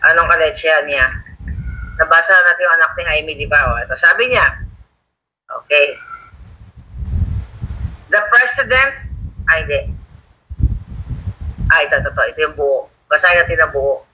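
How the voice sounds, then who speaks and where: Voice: mid-range voice, normal speed, pauses often, sharp tone, a little hiss or hum, rough recording. A livestream host giving scornful, combative political commentary and reading viewer comments aloud. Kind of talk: casual live commentary. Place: home studio.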